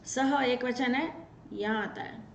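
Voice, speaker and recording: Brisk woman drilling grammar in a roomy space. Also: on the high side. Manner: brisk and drilling, reciting verb forms. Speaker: Sanskrit teacher. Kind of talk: grammar lesson to students. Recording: roomy, dull lo-fi sound with faint noise.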